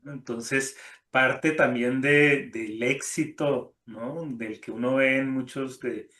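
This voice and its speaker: Calm thoughtful man, echoey room. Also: medium pitch, slow pace. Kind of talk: reflective conversational talk.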